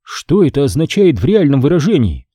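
A man's voice: a little high, big pitch swings, a little fast, slightly rough, no echo, studio quality. A man voicing a tense, urgent woman. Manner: urgent, strained, at times shouting. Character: tense female navigator, woman on edge. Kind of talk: audiobook character reading.

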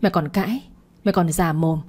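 A woman voicing a furious middle-aged mother-in-law who curses rapidly in a low, husky voice. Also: darkish tone. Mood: enraged. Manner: shrieking abuse, rapid-fire cursing.

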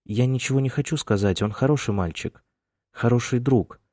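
A man's voice: medium pitch, moderate pace, dark tone, no room sound, clean studio sound, voice pushed up, close to an everyday voice. A man reading the part of a fussy, disapproving middle-aged mother, in a nagging, reproachful manner.

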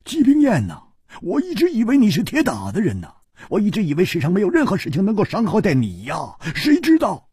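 男声演绎的粗豪暴躁的江湖汉子. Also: male voice, mid-range voice, huge pitch swings, normal speed, few pauses, breathy edge, no room sound, studio quality, pitched above the performer's own voice. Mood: grieving fury. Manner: shouting, blustering, laughing. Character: loud hot-tempered rowdy man, boisterous swordsman.

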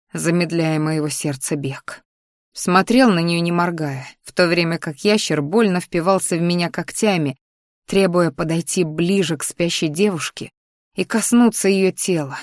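A woman narrating a first-person novel in a steady, intimate storytelling manner. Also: fairly low pitch, no echo, studio quality. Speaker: audiobook narrator.

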